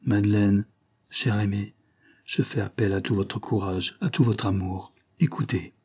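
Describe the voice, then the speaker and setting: A grave, dutiful army captain speaking low and solemn, voiced by a male reader. His voice is mellow and husky, hushed and weighed down. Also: steady tone, a little slow.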